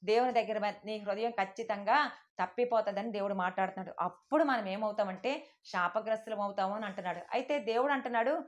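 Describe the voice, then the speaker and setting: A woman preaching a sermon with fervent, rapid delivery, acting out God's voice and the pleas of believers. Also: medium pitch, lo-fi sound.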